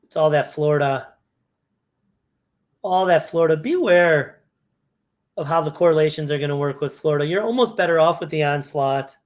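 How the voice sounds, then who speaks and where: In a casual screen-share, a fantasy sports analyst walks through fantasy hockey lineups, thinking out loud and correcting himself along the way. His pitch is fairly high, his pace moderate, and he leaves long pauses.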